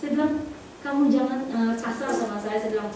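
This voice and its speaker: A middle-aged woman giving a sermon testimony, telling her story in a lively way and acting out the voices of the people in it. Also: a little high, brisk, crowd noise. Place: church hall. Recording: echoey hall from far off.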